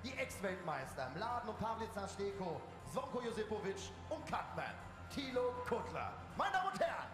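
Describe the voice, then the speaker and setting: A man announces from a boxing ring in a high, swooping showman's voice. He stretches and shouts the names theatrically over a handheld microphone, with long arena reverb and music around him. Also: big pitch swings, normal speed, hardly any pauses. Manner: theatrical, booming showman delivery.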